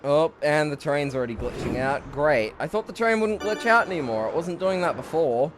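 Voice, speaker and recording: A man's voice: on the high side, expressive, brisk, music in the background. A young man giving casual live commentary on his gameplay, rambling and swearing, a bit out of breath. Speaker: streamer.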